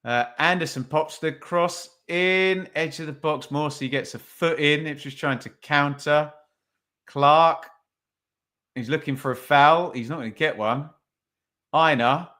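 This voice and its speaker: A man's voice: fairly high pitch, unhurried, pushed and bright. A man hosting a podcast, giving casual live watch-along commentary on a football match, chatty and thinking aloud with tag questions. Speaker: podcast host.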